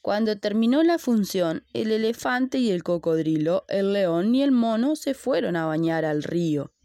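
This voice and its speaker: A woman's voice: mid-range voice, expressive, moderate pace, dark tone, slight background noise. A woman reading a children's story aloud with rhythmic repeated refrains.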